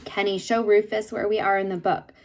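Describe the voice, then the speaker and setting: A woman voicing a brisk female schoolteacher giving polite instructions. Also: mid-range voice, flat delivery, noisy background, natural voice.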